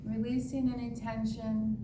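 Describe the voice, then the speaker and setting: A woman tai chi instructor giving serene, meditative movement and breathing cues with long pauses. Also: flat delivery. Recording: echoey, distant mic with clear rumbling noise.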